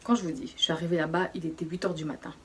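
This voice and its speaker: A young woman telling a personal story in a casual, slangy way, often hushed, with many fillers. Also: sits low, fairly even intonation, rapid-fire, breathy edge. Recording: voice distant from the mic.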